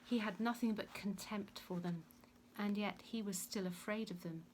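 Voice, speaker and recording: A woman narrates a Bible story at an even, moderate pitch. Her delivery is measured and deliberate, like a scripted reading, and a faint noise sits beneath her voice. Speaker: reader.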